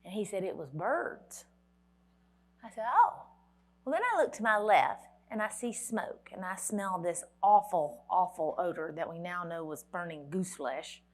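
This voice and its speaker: A woman's voice: on the low side, lively intonation, normal speed. A woman, giving a motivational keynote at a conference and telling a dramatic story with wry humor. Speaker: motivational speaker. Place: conference hall.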